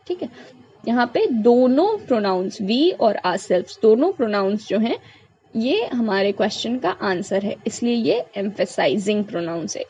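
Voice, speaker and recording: A woman's voice: on the high side, darkish tone, husky, low-quality recording. A woman teacher, working through a grammar lesson step by step and answering her own questions. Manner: reads English sentences slowly, explains in quick Hindi.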